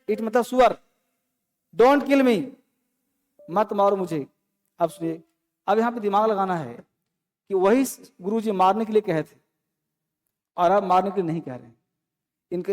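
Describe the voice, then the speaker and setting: A man teaching an English text to a class, reading the English lines slowly and explaining them in Hindi. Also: sits high, darkish tone. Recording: long hall reverb.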